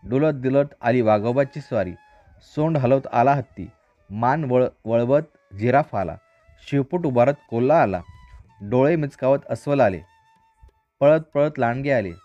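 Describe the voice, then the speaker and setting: A man reading a children's story aloud in a calm, rhythmic storyteller manner. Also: medium pitch, no room sound. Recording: dry, slightly dull recording.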